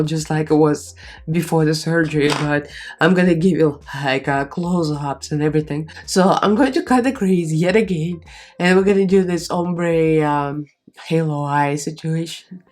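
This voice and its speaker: A beauty vlogger with a cold talks through a makeup tutorial while applying it, her lowish, slightly mellow voice stuffy, nasal and strained. She chats casually and rambles, using plenty of fillers.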